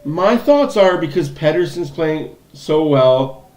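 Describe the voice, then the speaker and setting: A man's voice: a little high, animated, takes it slowly, darkish tone. A man hosting a livestream, giving blunt, opinionated fan commentary over a hockey game. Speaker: livestream host. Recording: echoey room.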